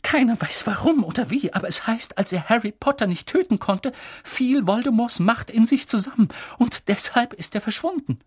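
A reader voicing a stern older female witch professor, high-pitched and urgent, with a husky edge. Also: very animated, normal speed, dry recording, studio quality. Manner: urgent, pressing, high and insistent.

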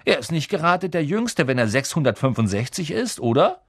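A man's voice: a little high, big pitch swings, normal speed, no room sound, studio quality, voice pushed up. A man doing Ron, a grumbling schoolboy. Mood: wry. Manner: gruff, grumbling.

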